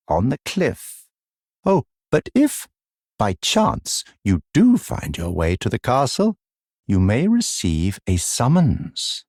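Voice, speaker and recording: A man voicing a condescending, smoothly sinister masked mentor in a dark fantasy game, with mock-sympathetic, theatrical, deliberately drawn-out phrasing. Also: mid-range voice, no room sound, clean studio sound, heavily acted. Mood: haughty, prodding.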